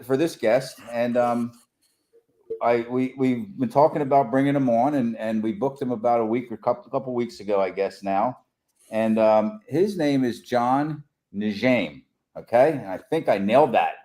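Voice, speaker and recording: A man's voice: medium pitch, normal speed, dark tone. A man co-hosting a local podcast, chatty and joking. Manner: joking, chatty, laughs often. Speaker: podcast co-host. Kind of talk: casual chat.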